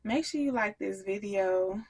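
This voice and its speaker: A woman's voice: mid-range voice, a little slow, heavy background noise. A woman soap maker chatting casually to her viewers while she works on a craft vlog. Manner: chatty, talks straight to viewers.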